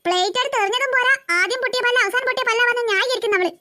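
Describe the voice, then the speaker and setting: Someone voicing a shrill nagging cartoon mom. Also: racing, pushed and bright, heavily acted. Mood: scolding. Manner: exasperated, nagging. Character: scolding young mother of two girls. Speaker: cartoon mother.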